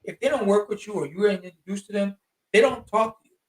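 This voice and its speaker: High-voiced man telling casual stories. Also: fast talker, recorded from a distance, poor audio. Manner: animated, slangy, emphatic. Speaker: interview guest, traveler. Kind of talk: casual storytelling.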